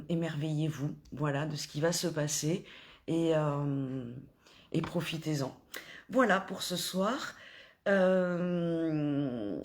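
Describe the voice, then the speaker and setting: A woman coaching spiritual followers in an informal talk, gently encouraging them while pausing often and restarting her sentences. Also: low-pitched, slight background noise. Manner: hesitant, full of pauses and restarts.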